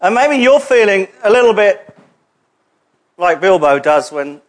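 A man's voice: high-pitched, big pitch swings, unhurried. A man preaching a sermon in a church hall, conversational and jokey, with asides to the congregation.

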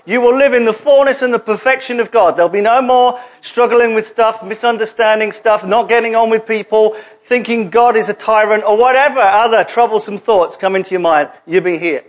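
A man delivers a sermon in a church hall, his voice pitched high for a man. He talks in a conversational way and drops jokey asides to the congregation. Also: brisk, few pauses. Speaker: preacher.

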